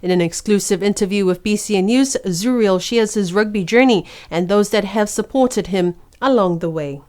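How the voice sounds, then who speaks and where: A woman presenting the news, reading a script with clear, measured delivery. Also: mid-range voice, darkish tone.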